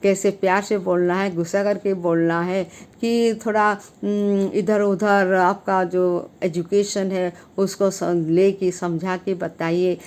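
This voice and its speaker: An earnest address on civic duty comes from a woman speaking to camera as her channel's host. Her emphasis shows in frequent rises of pitch and volume, while fillers and restarts break up the gaps between phrases.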